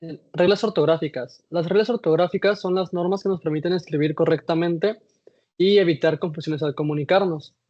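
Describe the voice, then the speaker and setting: A man's voice: a little high, fairly even intonation, fairly quick. A man giving a class presentation, reading from slides with some hesitations and restarts. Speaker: student presenter. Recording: dull lo-fi recording.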